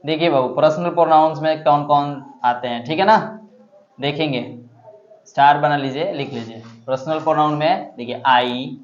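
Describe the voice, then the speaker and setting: A man teaching English grammar to a class, repeating each phrase slowly and often checking that students understand. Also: on the high side, lo-fi sound. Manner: slow, repetitive drilling, checking understanding. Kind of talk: classroom lesson. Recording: echoey classroom.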